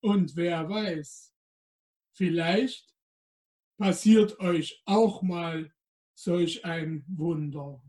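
A man appearing as Santa Claus, reading a storybook aloud to children and talking to them directly. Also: a little high. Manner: addresses children directly, slow and gentle.

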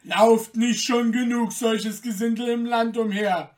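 A woman voicing a band of rough male gate guards who bark loud, mocking commands, recorded from a distance. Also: slow. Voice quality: rough, deep-voiced per the tale, shouted. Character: gruff shouting male gate guards, hostile.

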